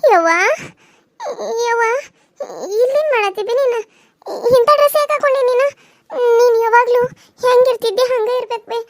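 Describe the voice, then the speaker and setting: A woman's voice: very high voice, steady tone, moderate pace, pauses often, a little hiss or hum. A woman voicing a tearful teenage village girl who pleads with her mother, with a North Karnataka Kannada accent. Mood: pleading. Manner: pleading, sobbing. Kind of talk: cartoon serial voice acting.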